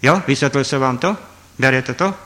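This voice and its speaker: A man teaching a group from the Bible, emphatic, swinging from loud stress to quiet asides and checking that listeners follow. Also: medium pitch. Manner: talks directly to listeners, checks they follow. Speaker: preacher.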